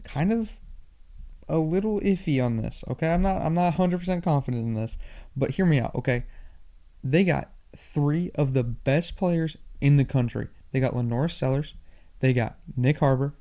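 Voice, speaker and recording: A young man hosting a sports podcast, talking fast and animated in a casual monologue, often repeating himself. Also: on the high side. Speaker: podcast host.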